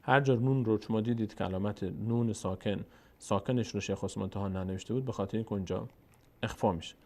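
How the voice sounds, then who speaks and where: A man teaching Quran reading step by step, explaining rules and slowly drawing out syllables to model them. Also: lowish voice, dark tone.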